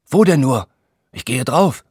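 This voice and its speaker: A man's voice: lowish voice, big pitch swings, measured pace, no room sound, clean studio sound. A man voicing a bewildered male god in a Greek comedy, read aloud in an audiobook. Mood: nervous. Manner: nervous, questioning. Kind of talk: audiobook reading.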